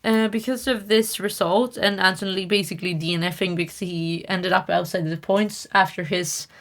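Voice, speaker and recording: A young woman co-hosts a casual podcast, chatty and wry, full of fillers and restarts. Her voice is fairly low with fairly even intonation, at normal speed.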